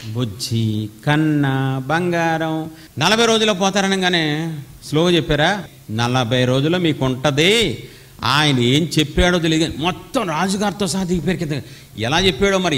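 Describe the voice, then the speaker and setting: A man in his forties preaching a sermon as pastor, forceful and dramatic, acting out quotes. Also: fairly high pitch. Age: 40s. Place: church meeting hall. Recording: echoey hall reverb.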